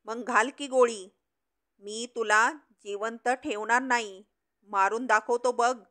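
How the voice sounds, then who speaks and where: A woman's voice: on the high side, steady tone, slow pace, a bit bright. A woman voicing a sneering, defiant man who was once master of the house, in a storybook reading. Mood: defiant, mocking.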